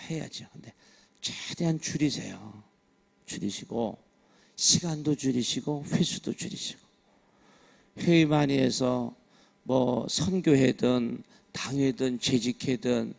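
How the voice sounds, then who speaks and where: An older male pastor with a Chungcheong accent, preaching a humorous sermon full of stories and lively asides to the congregation. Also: medium pitch, creaky. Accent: Chungcheong Korean. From Chungcheong, Korea.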